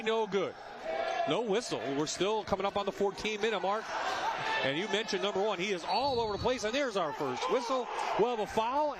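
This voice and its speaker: Man calling basketball play-by-play. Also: high-pitched. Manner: brisk, raises voice on plays. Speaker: play-by-play announcer. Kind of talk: live basketball commentary. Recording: loud arena noise behind. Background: gym crowd and ball bounces.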